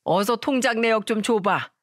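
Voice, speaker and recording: A woman voicing a suspicious, bossy older mother-in-law who scolds and accuses loudly. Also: a little high, normal speed, dry recording, studio quality, natural voice. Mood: accusing.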